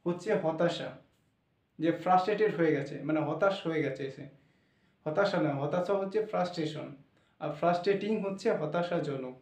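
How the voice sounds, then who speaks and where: A man's voice: sits high, darkish tone, far from the mic. A male teacher explaining English pronunciation, spelling words out and repeating each sound letter by letter. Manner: repetitive, drills sounds letter by letter. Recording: echoey room, voice from off the mic.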